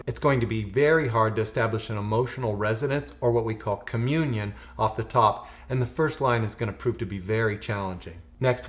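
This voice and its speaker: A man speaks as a drama teacher, giving an instructional lecture in an explanatory, deliberate manner. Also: medium pitch. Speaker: acting teacher.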